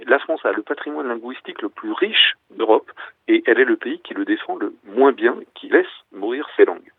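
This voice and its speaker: Fast-talking man on a phone line. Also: mid-range voice, dry recording. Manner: passionate, argumentative. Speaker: guest author. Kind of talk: phone-in radio interview. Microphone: telephone. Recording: tinny dry phone line.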